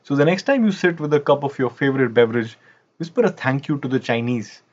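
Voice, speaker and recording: A man's voice: medium pitch, fast. A man from India, hosting a history video in wry scripted narration with casual asides, on dull lo-fi audio.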